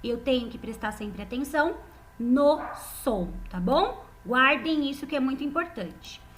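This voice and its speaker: High-pitched woman teacher, patient and unhurried, repeats words and quizzes young kids. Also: animated, a little hiss or hum. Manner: patient, repeats words slowly and asks the class questions. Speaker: primary school teacher. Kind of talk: online lesson explaining exercises to children.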